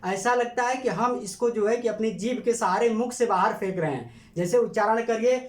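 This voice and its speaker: Echoey male teacher repeating terms. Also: high voice. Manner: repeats questions and answers them himself; drawn-out emphatic repetition of terms. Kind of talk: classroom grammar lesson.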